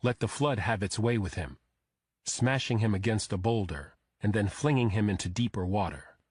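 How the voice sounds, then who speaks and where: Husky-voiced male thriller narrator. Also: lowish voice, no echo, clean studio sound. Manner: steady, measured storytelling. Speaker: audiobook narrator.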